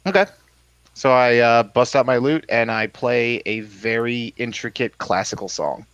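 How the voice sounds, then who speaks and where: A man's voice: mid-range voice, unhurried, a bit bright, clean tone, no echo, dull audio. A man playing a bard in a tabletop game, rambling and laughing, with lots of "like" and restarts. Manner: rambling, laughs often, many fillers. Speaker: player. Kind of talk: casual tabletop game chat.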